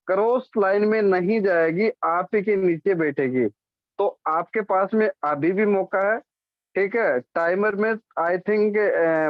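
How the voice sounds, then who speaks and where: High-voiced man explaining a plan. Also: dry recording. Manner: repeats "ठीक है?" to check on listeners, corrects himself often. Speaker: presenter explaining a business plan. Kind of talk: explanatory presentation. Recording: dull, dry lo-fi sound.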